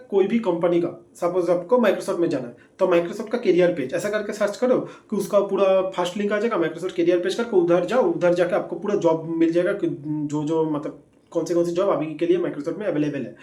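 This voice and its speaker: A young man with a high-pitched, warm voice gives a casual, chatty lesson on job-hunting steps as a career advice presenter. He repeats points, uses many fillers and checks in with listeners via "theek hai". The room is echoey.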